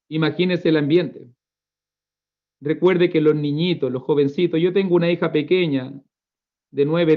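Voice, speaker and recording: A man in his thirties from Chile preaching a fervent sermon as pastor, swinging between quiet storytelling and loud emotional climaxes. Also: fairly high pitch. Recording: dull lo-fi recording.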